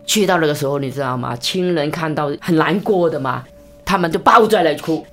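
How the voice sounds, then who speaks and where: A woman evangelist telling a story in an interview, with a lively delivery, big pitch swings and quick, repeated phrases. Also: soft background music.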